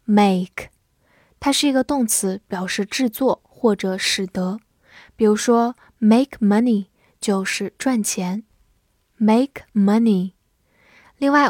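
A woman teaching English vocabulary, spelling out words letter by letter and reading example sentences slowly. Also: medium pitch, darkish tone, no room sound, studio quality. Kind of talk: vocabulary lesson.

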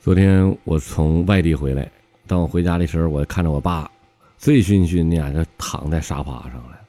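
A man's voice: normal speed, soft background music. A man with a Northeastern Mandarin accent telling comic stories solo as host of his own show, laughing at his own jokes. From Northeast China. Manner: lively, laughing at his own jokes, jumps pitch for quoted characters.

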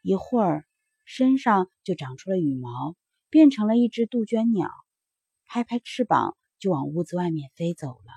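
A woman narrating a children's bedtime story in a gentle, expressive storytelling manner. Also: on the low side, normal speed, gravelly, slightly rough, no room sound.

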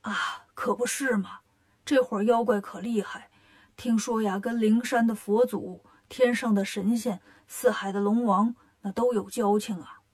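A woman voicing a frightened, kindly old grandfather in a children's storybook tale, speaking slowly and softly. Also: mid-range voice, fairly even intonation, lightly acted. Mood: fretful.

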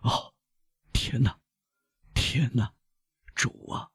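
A man's voice: very slow, fairly bright tone, dry recording, studio quality. A man voicing an old male servant seized by agony and terror, who speaks in a faltering, strained, gasping way. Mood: faint moaning.

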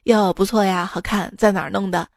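A slightly hoarse woman voicing a teasing, suspicious husband who talks bluntly and mockingly. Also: medium pitch, fairly even intonation, fairly quick, dry recording, studio quality, pitched below the performer's own voice.

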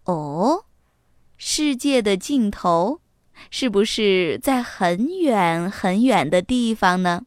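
A woman doing a gentle, worried mother fox. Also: mid-range voice, expressive, slow, no echo, studio quality, pitched below the performer's own voice. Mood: caring. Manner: soft, fretful, encouraging. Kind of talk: children's storybook reading.

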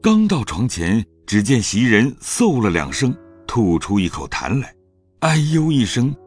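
A man narrating a classic novel in an audio drama, in an expressive storytelling manner. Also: medium pitch, measured pace, faint music behind.

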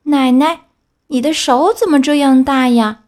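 A woman's voice: high voice, unhurried, a little mellow, voice pushed up. A woman voicing a sweet, trusting little girl who asks eager, innocent questions. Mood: wondering.

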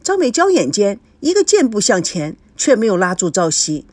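A woman's voice: medium pitch, moderate pace, no echo. A woman narrating a romance novel as an audiobook, voicing each character in turn. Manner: expressive, voices each character.

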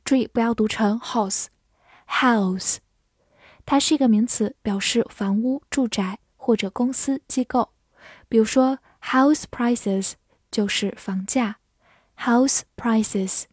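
A woman teaching vocabulary, explaining words patiently, spelling them letter by letter and repeating sentences slowly. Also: on the high side, darkish tone, breathy edge, no echo, clean studio sound. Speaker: English teacher. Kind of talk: vocabulary lesson, spelling and slow read-alouds.

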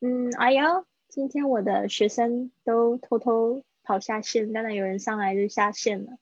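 A woman English teacher on a livestreamed lesson, chatting casually and repeating example phrases slowly for her students. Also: fairly high pitch, steady tone, no echo, highs cut off.

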